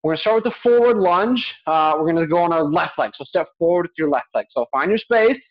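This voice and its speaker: A young adult fitness coach with a notably high voice talks fast while working out himself, giving short, repeated counted cues and steady encouragement. The audio is slightly dull and lo-fi, like a webcam in a small home gym.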